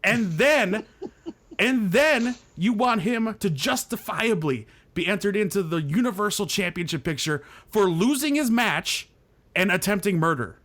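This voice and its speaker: A man hosting a casual wrestling podcast, ranting in an animated way and laughing often. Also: sits high, unhurried. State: hiccuping. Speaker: podcast host.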